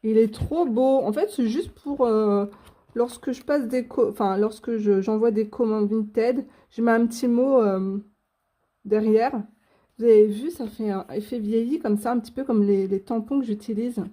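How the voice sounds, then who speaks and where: A young woman chats through an unboxing of coloring supplies, gushing over each item with plenty of fillers. Her voice sits a bit high and sounds soft and mellow. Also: moderate pace. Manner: chatty and gushing, many fillers. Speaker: coloring channel host. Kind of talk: casual unboxing chat.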